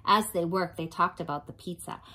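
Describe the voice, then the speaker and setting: A woman reading a picture book aloud to children in an expressive storytelling style. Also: lowish voice, fairly quick, low-quality recording. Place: small home playroom, indoors.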